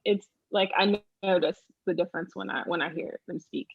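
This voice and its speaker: A woman host from Boston, with a husky, gravelly voice. She chats casually and laughs often. Her recording sounds dull and lo-fi. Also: lowish voice, fairly even intonation, moderate pace. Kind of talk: casual chat. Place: lives in Portugal.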